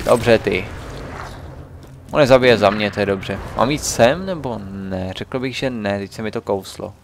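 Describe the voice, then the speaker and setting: A man's voice: fairly low pitch, vocal fry, a little hiss or hum. A young man casually commenting on a video game as he plays, muttering to himself and chatting to viewers. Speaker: let's play gamer.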